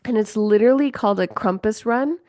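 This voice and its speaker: A woman's voice: fairly high pitch, fairly quick, a little mellow, no room sound, studio quality. A woman hosting a podcast on her own, talking casually with lots of fillers, swearing and laughing often. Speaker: podcast host. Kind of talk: casual solo podcast chat.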